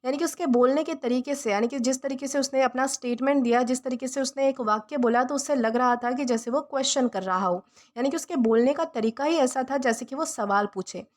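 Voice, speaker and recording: Woman teacher, high voice, patient step-by-step vocabulary lesson. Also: brisk, darkish tone. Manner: repeats and rephrases each meaning patiently. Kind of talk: vocabulary lesson explained in Hindi.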